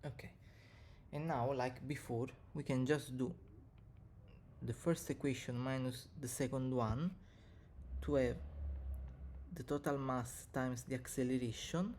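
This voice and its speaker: A man who is not a native English speaker teaches physics step by step, dictating equations in short, halting pieces. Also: mid-range voice, fairly even intonation, a little mellow, slight background noise. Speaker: physics tutor, video presenter. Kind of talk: step-by-step maths lesson, reading out equations.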